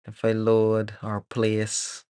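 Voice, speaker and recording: A man from Barbados, streaming live as a 3D artist, chatting casually and thinking aloud with many pauses and fillers while he works. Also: lowish voice, clean tone, no room sound, clean studio sound. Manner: relaxed, rambling, thinks aloud with many ums.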